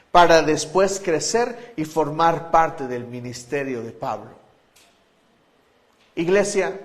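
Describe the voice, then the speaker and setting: A pastor preaching a sermon to his church, emphatic, shifting between loud declarations and hushed appeals. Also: fairly high pitch.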